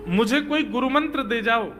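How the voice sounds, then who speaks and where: A man's voice: very high-pitched, normal speed, fairly bright tone, soft background music. A man voicing a simple, forgetful farmer who pleads and gets flustered. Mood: pleading. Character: simple-minded old farmer, earnest and forgetful.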